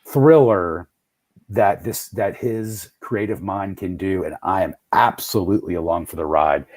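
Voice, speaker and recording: A man's voice: fairly low pitch, warm tone, dry recording. A man talking passionately and emphatically on a podcast, sometimes stammering. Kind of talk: casual chat.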